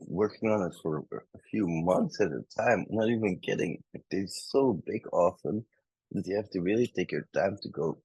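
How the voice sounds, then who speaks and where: Husky low-voiced man teaching hacking. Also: darkish tone, no room sound, rough recording. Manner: chatty, joking asides to chat. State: a bit out of breath. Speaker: bug bounty instructor. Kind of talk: casual livestream lesson.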